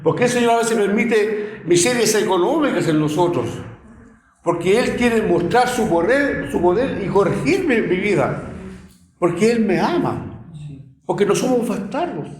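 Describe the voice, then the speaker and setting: A middle-aged Chilean man preaches a sermon in a high voice, telling stories with plenty of feeling and repeating his words as he goes. His voice rings around an echoey room. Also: expressive, moderate pace. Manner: emotional storytelling with many repeated words.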